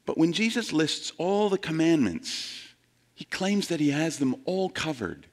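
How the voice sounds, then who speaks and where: At a measured pace and in a sing-song voice, a male pastor delivers a conversational sermon. He asks the congregation questions and dramatizes quoted voices through large changes in pitch.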